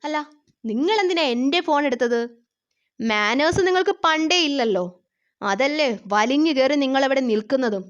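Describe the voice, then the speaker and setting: A sharp-tongued ex-wife, voiced by a woman reader, mocking and dismissive. High-pitched, on a dull, lo-fi recording. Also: lively intonation, normal speed.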